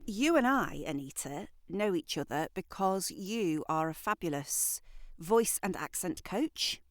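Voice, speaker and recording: A woman's voice: on the low side, animated, a little slow, no room sound. A woman hosting an interview podcast, opening with a welcome and then asking friendly questions. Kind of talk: hosted interview. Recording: dry close mic with soft music.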